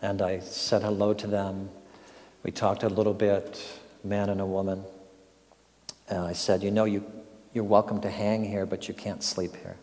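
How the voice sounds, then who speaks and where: An older man gives a sermon in a reflective, storytelling way and keeps turning to questions. His voice sits low and mellow, and it echoes through a large hall. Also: level tone, normal speed. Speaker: pastor.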